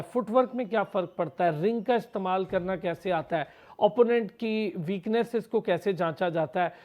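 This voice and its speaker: A man's voice: sits high, a little mellow. A man from Pakistan with a Pakistani Urdu accent, interviewing an athlete on a TV sports show in long, multi-part questions full of praise.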